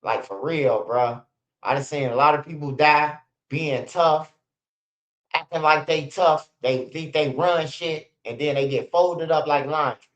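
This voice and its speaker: This 40-something man, host of a street news channel, livestreams street stories in a casual, blunt and profane manner, sprinkling in "bro" and "man" often. His voice is on the high side and he takes his time.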